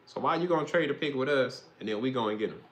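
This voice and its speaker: A man's voice: mid-range voice, expressive, fast. Man, young adult, casual football commentary, rambling, slangy, cursing. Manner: rambling, slangy, swears freely. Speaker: host.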